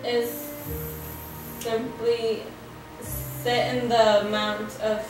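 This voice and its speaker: A woman's voice: on the high side, level tone, extremely slow. A young woman interpreting a sermon line by line, hesitant, with fillers and restarts. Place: living room set with framed pictures. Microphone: far camera. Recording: echoey room from far off, faint music.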